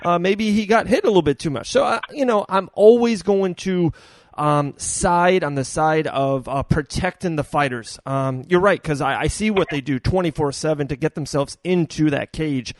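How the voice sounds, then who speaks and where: A man's voice: on the high side, moderate pace, dry recording. A man hosting a podcast in casual sports talk, speaking emphatically and repeating words for stress. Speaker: podcast host.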